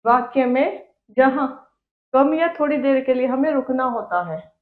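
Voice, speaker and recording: Woman teacher, fairly high voice, poses questions and answers them herself, echoey phone-quality sound. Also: fairly even intonation, a little slow. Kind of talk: classroom grammar lesson. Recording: echoey tinny phone-like recording.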